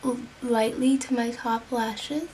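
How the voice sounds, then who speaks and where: Young woman, makeup tutorial vlogger, chatty, slightly high voice, faint room noise. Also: steady tone, slow pace, a little mellow. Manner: chatty, talks while working, sometimes drops to a whisper. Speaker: beauty vlogger. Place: home.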